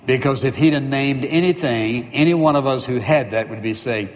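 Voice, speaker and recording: A man's voice: medium pitch, moderate pace. Man preaching in an echoing hall. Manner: animated preaching, acting out imagined prayers. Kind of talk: sermon.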